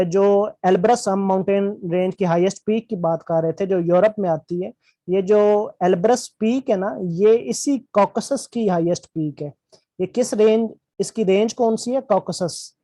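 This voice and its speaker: Man lecturing a class, warm mellow tone, dry close sound, patient and repetitive. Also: high-pitched, no room sound. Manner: explains slowly with constant check-ins and repetition. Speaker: teacher.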